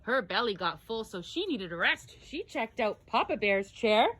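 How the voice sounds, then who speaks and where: A woman's voice: fairly high pitch, sing-song, moderate pace, fairly bright tone. A woman narrating a children's storybook tale aloud, with dramatic exclamations and gasps.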